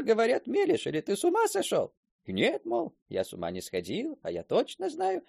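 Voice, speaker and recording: Old village chatterbox, husky, high and wildly sing-song. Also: male voice, no echo, studio quality, exaggerated voice. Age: older. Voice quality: husky and creaky. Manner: lively, quick to mimic others' voices. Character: talkative old village man spinning a yarn. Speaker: storyteller character. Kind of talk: radio play acting.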